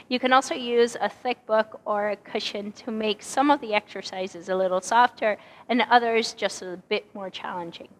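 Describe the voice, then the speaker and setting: A woman with a hoarse, partly lost voice leading a Pilates class, calmly cueing each breath and movement. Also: on the high side, in a large hall. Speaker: Pilates instructor. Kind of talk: guided exercise instruction. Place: exercise studio.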